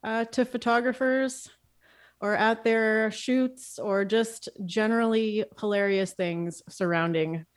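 A woman's voice: a little high, fairly even intonation, slow pace. Tired chatty woman podcast co-host. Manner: chatty, laughs often, swears casually. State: tired from lack of sleep. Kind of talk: casual podcast chat.

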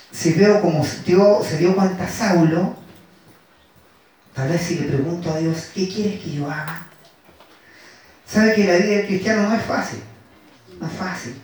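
A man with a fairly high voice preaches a sermon, going back over scripture lines and slowing down to press them home. He sounds set back from the microphone in a strongly echoing hall. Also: a little mellow. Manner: repeats and dwells on scripture lines, slowing for emphasis. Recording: echoey room, voice from far off.

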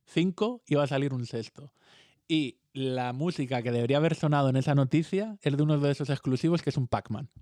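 A man with a Spanish accent from Spain, chatting casually as a podcast co-host, teasing and jumping in with quick facts. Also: medium pitch, a little mellow, no echo. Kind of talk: casual chat among friends.

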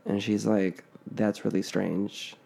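A man's voice: on the low side, little pitch movement, slow, gravelly, dark tone. A man co-hosting a podcast, telling a spooky family story in a casual, rambling way full of fillers and restarts. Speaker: podcast co-host.

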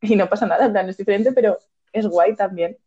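A woman's voice: medium pitch, fairly quick, mellow, husky, dull audio. Woman, Spanish accent, casual podcast chat, laughs often mid-story. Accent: Spain Spanish. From Spain. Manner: laughs often while telling stories. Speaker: podcast co-host.

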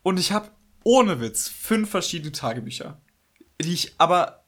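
Young male co-host, fairly high voice, relaxed storyteller. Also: normal speed. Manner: easygoing, self-mocking storyteller. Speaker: podcast co-host. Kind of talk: casual chat.

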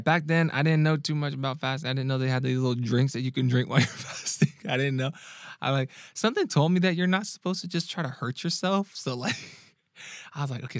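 A man hosting a podcast, telling a personal story in a casual, animated way, laughing often and restarting his sentences. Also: mid-range voice, dry recording, studio quality. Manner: animated, laughs often, frequent restarts and check-ins with the listener. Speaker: podcast host and dating coach.

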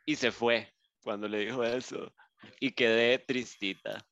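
Costa Rican woman podcast co-host, bright forceful voice, dry dull recording, casual slangy delivery. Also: extremely low pitch, unhurried, no room sound. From Costa Rica. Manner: laughing, slangy, animated storytelling. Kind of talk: casual podcast chat, reading a listener's letter. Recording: dull, dry close-mic sound.

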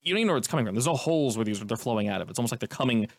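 A man runs a tabletop roleplaying game, narrating scenes at a brisk clip. His delivery is conversational and descriptive, and he explains as he goes. The sound is dry and close, with little room to it. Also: mid-range voice, lively intonation, no room sound. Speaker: game master.

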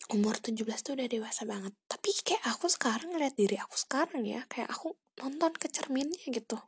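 A seventeen-year-old girl talks on her own podcast, dropping often into a soft half-whisper and trailing off with fillers. Her voice sits a little high, husky and breathy, with a gravelly fry at the ends of phrases. It sounds like a casual chat recorded at home. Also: animated, fast talker. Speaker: podcast host.

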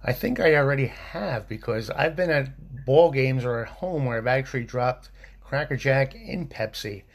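Gravelly man rambling on a podcast. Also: medium pitch, normal speed. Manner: rambling, joking. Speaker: co-host. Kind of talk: casual podcast chat.

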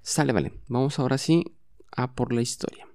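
Man, podcast English teacher, gravelly, mellow, patient repetition, bilingual lesson. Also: medium pitch, brisk, studio quality. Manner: patient, repeats words for the listener to echo.

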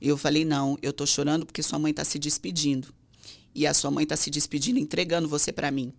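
A Brazilian woman tells a personal story on an interview podcast. Her voice has a gravelly, fried texture. She slips into acted voices when she quotes other people. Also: low-pitched, flat delivery, fast talker. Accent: Brazilian Portuguese. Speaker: guest.

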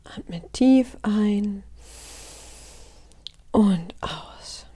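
Breathy, slow-talking woman guiding meditation. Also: medium pitch. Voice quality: breathy, husky, often near a whisper. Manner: slow, calm, soothing, with deliberate pauses. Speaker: guided meditation leader. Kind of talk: guided meditation, soft and breathy.

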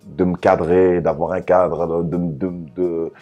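A man from Congo telling his life story in a casual podcast chat, relaxed, often ending a phrase with a tag question. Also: deep voice, a little slow, lo-fi sound, faint music behind.

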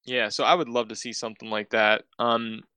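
Bright, clear-voiced man chatting casually. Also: medium pitch, flat delivery, fairly quick, dry recording. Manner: easygoing, stammering restarts. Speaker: podcast co-host. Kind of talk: casual chat.

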